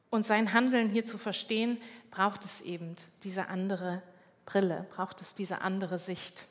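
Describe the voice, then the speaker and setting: Slow, measured woman preaching in a reverberant hall. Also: mid-range voice. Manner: calm, measured, with small slips and self-corrections. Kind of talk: sermon.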